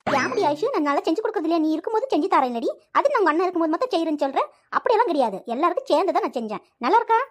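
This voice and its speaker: Lady voicing a nagging cartoon mom, very high and super fast. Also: sing-song. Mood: scolding. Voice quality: shrill, fast scolding. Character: scolding middle-aged village mother. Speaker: cartoon voice actor.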